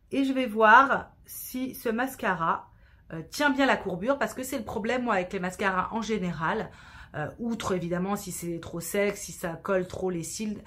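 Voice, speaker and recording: A woman's voice: medium pitch, fairly bright tone. A woman chatting through a makeup tutorial in a casual, self-deprecating way, sprinkling in English words. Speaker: beauty vlogger.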